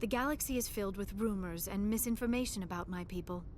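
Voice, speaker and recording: Talking fast in a medium-pitched, darkish voice, a woman voices a shy, earnest alien archaeologist crew member in a video game. Her delivery is natural, calm and explanatory, with formal, precise wording, and a little hiss or hum can be heard.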